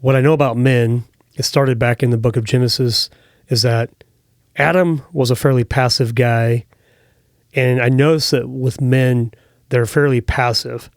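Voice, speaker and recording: This podcast host is a man of medium pitch whose fairly even intonation and slightly slow pace come through dry, with no room sound. Chatting friendly and casually with his guest in the studio, he uses a lot of fillers, picked up by a studio mic.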